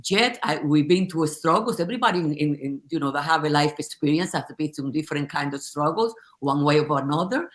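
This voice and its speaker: A woman's voice: sits low, lively intonation, a little fast, hardly any pauses. An older woman from the Dominican Republic, a guest on an online video chat, speaking in an upbeat, reflective way.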